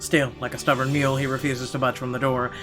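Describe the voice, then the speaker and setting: Playing through a horror visual novel, a man reads its first-person narration aloud at a fast clip. His voice sits at a medium pitch and carries a dramatic, expressive energy, while faint music plays beneath him. He's a let's player voicing the game's text.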